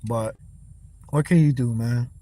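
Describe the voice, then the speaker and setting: A man's voice: mid-range voice, measured pace, dark tone. A young man hosting a casual boxing talk livestream, speaking, blunt and profane as he answers his chat. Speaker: livestream host.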